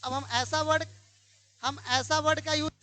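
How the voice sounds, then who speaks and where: High-voiced woman teaching a class. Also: steady tone, normal speed, sharp tone. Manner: quizzing pupils, repeating questions. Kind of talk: classroom grammar lesson.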